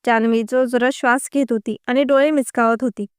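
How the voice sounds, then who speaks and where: A woman narrating a story in an even, unhurried reading voice. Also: on the high side, clear, resonant tone, no room sound, clean studio sound.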